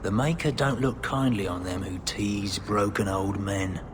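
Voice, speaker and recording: An actor playing a weary older male street informant, talking in a blunt, gruff, matter-of-fact way. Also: fairly low pitch, fairly even intonation, a little slow, background noise, close to an everyday voice.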